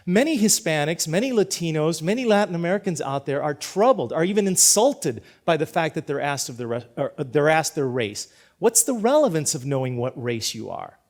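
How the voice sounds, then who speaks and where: A middle-aged Cuban teacher gives a prepared talk, sharing a personal story in an earnest, measured manner. His voice is slightly higher than typical for a man, and he restarts and repeats words along the way.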